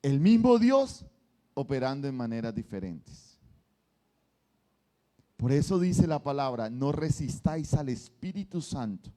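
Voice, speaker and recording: A man's voice: medium pitch, unhurried, pauses often. A male pastor preaching a sermon, telling stories with energy and firing questions at the congregation. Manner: animated storytelling preacher quizzing the congregation.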